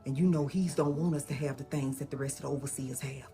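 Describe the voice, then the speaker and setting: A woman voicing an excitable old-time Southern woman in a comic skit, with a put-on Southern US dialect and a drawl. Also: extremely low pitch, fast, faint music behind. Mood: warning. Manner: drawling, exclaiming, half-sung.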